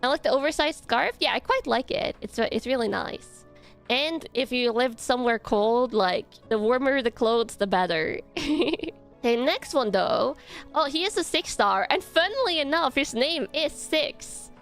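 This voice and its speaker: A young woman talks through her ranking in loose, rambling commentary, full of fillers and quick giggles. Her voice sits a bit high, with soft music playing quietly behind. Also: lively intonation. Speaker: content creator. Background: soft background music.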